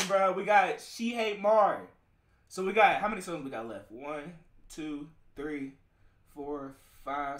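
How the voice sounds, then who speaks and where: A man's voice: high-pitched, fairly bright tone. A young man hosting a reaction stream from his bedroom, commenting casually in profane slang. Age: young adult. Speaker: host of music reaction stream. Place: bedroom, indoors. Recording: echoey room sound.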